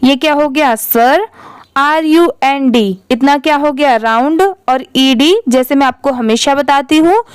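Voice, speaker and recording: A high-voiced woman teaches English reading at an unhurried pace. She spells each word out letter by letter, blends the parts together and patiently repeats the result. The recording is dry, with no room sound. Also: no room sound. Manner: spells words letter by letter, then blends them. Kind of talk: slow spelling-out lesson.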